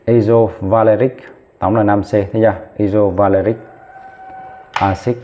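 A male chemistry teacher with a fairly low voice works through each step, counting out loud and stopping to fix his own slips. The sound is thin and tinny, as if through a phone. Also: level tone, moderate pace, slight background noise. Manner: talks while writing, counts aloud, corrects himself mid-step. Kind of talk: lesson at a whiteboard.

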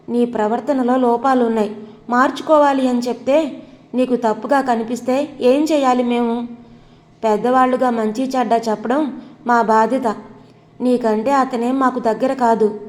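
A woman's voice: on the high side, darkish tone, long reverb tail, natural voice. A woman voicing a stern, worried mother who firmly lectures her grown daughter. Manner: firm, lecturing.

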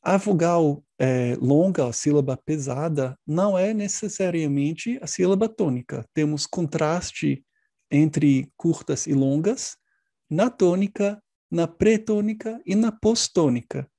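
Slow, gravelly-voiced male academic presenter. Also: a little high, animated, warm tone, no echo, studio quality. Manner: measured, explanatory, frequent hesitation fillers. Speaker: linguistics researcher presenting.

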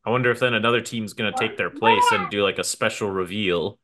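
A man's voice: lowish voice, fast talker, very noisy. A man co-hosting a casual podcast chat, playful and speculating. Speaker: podcast co-host.

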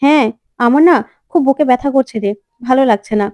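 Scheming young woman feigning illness, read by a woman; whiny, high, dry. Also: quick pace, darkish tone, no echo, dull audio, lightly acted.

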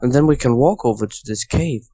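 A man's voice: medium pitch, fairly quick, warm tone, husky, dry recording, poor audio. Eager young man giving game orders. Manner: bossy, eager, repeats commands. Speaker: gameplay commentator. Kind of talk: casual co-op gaming commentary.

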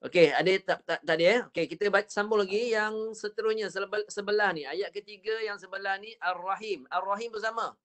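A man with a Malaysian Malay accent teaching Quran recitation in an online class, patiently modelling each sound slowly and repeating it. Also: sits high, a bit bright. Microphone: online video call.

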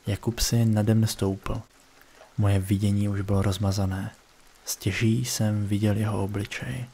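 Male horror narrator, deep-ish and monotone, brooding scripted read. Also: a little hiss or hum. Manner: low, flat, brooding delivery.

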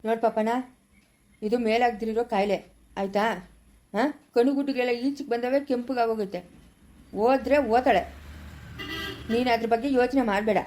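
A woman's voice: on the high side, brisk, long pauses, a little mellow, close to an everyday voice. A woman playing a stern, dismissive male village healer, speaking blunt in an amateur village drama. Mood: scolding. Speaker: village pandit in a home-made drama.

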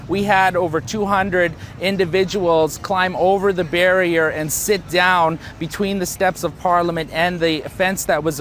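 A man's voice: high voice, a bit bright, a little hiss or hum. A man in his thirties, a protest organizer, speaking passionately and fluently with some fillers in a live outdoor news interview.

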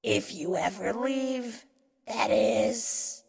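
A woman voicing a sinister old granny who coaxes a child, with a creaky, raspy voice and a slow, swooping sing-song menace. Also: a little high, darkish tone, heavily acted. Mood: ominous. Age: older. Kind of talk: horror monologue acting.

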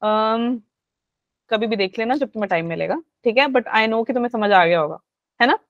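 A woman's voice: a little high, lively intonation, normal speed, dry recording. A woman teacher leading a live online class, chatty and coaxing, mixing English into her talk. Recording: dull lo-fi online audio.

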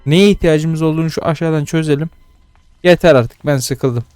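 A young man talking himself through a horror game, muttering nervously, then dropping to hushed whispers. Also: on the high side, steady tone, fast, no room sound, faint music behind. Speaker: gaming YouTuber.

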